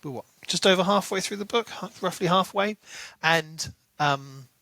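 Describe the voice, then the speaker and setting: This podcast co-host has a high, gravelly voice that sounds pushed and bright, delivered at a moderate pace with no room sound. In a casual book discussion he speculates aloud, poses rhetorical questions as he goes, and acts out quotes.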